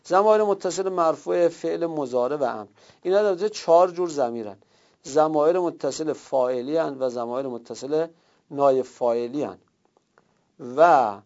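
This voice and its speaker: A man's voice: mid-range voice, vocal fry, darkish tone. A man teaching a classroom grammar lesson, explaining step by step and repeating himself for emphasis. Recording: dull lo-fi recording.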